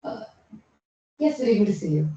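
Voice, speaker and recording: A woman's voice: medium pitch, very animated, a little fast, dark tone. A woman hosting a club meeting, chatty and teasing as she calls on people. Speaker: meeting host. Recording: echoey room, far from dull mic.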